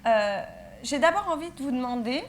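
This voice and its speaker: Friendly woman interviewer, slightly high. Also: lively intonation, moderate pace, a little hiss or hum. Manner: friendly, hesitant with many fillers. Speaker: web TV interviewer. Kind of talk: festival interview.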